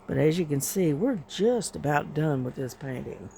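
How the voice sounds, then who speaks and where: A middle-aged man with a wheezy, congested, breathy rasp, chatting casually and haltingly in an unhurried, folksy way while he paints. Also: on the high side, animated, heavy background noise. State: congested, wheezing, clearing throat often. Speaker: painting vlogger.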